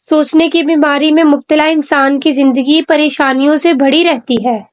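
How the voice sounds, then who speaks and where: Woman, high-pitched, earnest, measured, scripted explainer, list-like delivery. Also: steady tone. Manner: measured, earnest, builds points in repeated lists. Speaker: channel host explaining psychology.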